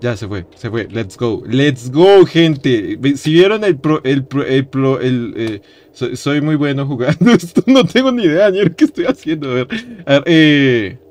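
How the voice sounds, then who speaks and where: A young man streaming a horror game, jumpy and loud, yelping in fright, chanting phrases over and over and laughing often. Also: mid-range voice, animated, a little slow. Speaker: gaming streamer. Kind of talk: let's-play game commentary.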